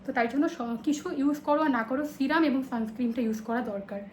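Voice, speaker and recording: Fast, high-voiced chatty young woman. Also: a little mellow, muffled recording, slight background noise. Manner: chatty, rambling. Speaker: vlogger and mother. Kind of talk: casual home vlog chat. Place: at home, indoors.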